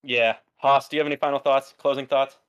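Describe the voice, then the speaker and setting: A young man hosting a casual podcast chat, animated and exasperated, joking with friends. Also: medium pitch, fast, smooth. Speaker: podcast host.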